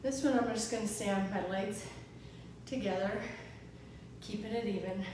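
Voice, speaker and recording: A woman's voice: mid-range voice, normal speed. Female aerobics instructor, clipped encouraging commands with space between them; very reverberant, noisy room recording. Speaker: aerobics instructor leading a live workout. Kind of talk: aerobics instructor cueing, short counted exercise commands. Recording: echoey room, distant mic, background noise.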